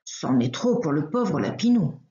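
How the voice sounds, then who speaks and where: A woman reading a children's story aloud, expressive and unhurried. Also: low-pitched. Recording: roomy, slightly dull recording.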